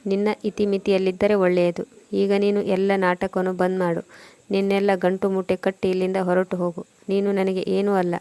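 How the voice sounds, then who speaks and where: A woman's voice: mid-range voice, completely flat delivery, normal speed, dark tone, natural voice. A woman reading as a scornful young wife.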